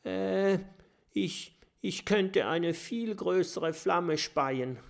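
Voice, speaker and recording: A man's voice: high voice, animated, very slow, gravelly, pitched above the performer's own voice, heavily acted. A man voicing a small, timid young fire dragon who stammers nervously in a children's story.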